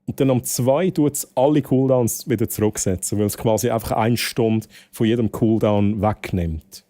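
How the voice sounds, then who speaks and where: Speaking at a normal speed in a lowish, warm voice, a Swiss gamer chats casually on his livestream with a Swiss German accent. He tends to ramble and repeat phrases, sprinkling in English words.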